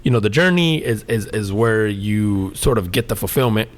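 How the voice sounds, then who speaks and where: A man's voice: lowish voice, animated, moderate pace. A man chatting on a podcast with an easygoing, meandering delivery. He tells stories at length, restarts his sentences, and leans on fillers. He swears and laughs easily. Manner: rambling, laid-back storytelling with many fillers and restarts. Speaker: podcast co-host. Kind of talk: casual chat.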